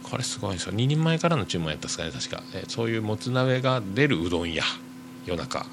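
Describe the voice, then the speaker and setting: A man hosting a podcast, reading listener mail aloud and chatting casually in a rambling, hesitant way full of drawn-out fillers. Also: fairly low pitch, sing-song, background noise. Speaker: podcast host.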